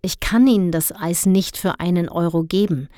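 A woman voicing a calm, polite male ice cream seller who speaks courteously. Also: fairly low pitch, moderate pace, no room sound, studio quality, close to an everyday voice. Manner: courteous, soothing.

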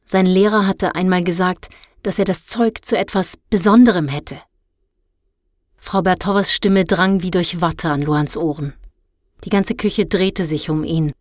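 A woman reads a story aloud with steady, measured scripted narration. Her voice sits on the low side, and the recording is dry and close with no room sound. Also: no room sound. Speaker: audiobook narrator.

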